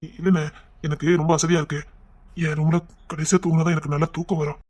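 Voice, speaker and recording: An actor voicing a gentle young husband and father in a cartoon web series, with a Kanyakumari Tamil accent and a soft, hushed delivery. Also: on the high side, level tone, fast, close to an everyday voice. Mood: evasive. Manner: soft, tender, often hushed.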